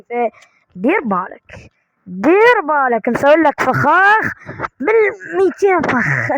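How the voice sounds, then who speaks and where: A man with an Iraqi accent giving excitable let's-play commentary, repeating phrases and talking to his viewers. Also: very high voice, no echo, muffled recording. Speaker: gaming channel host.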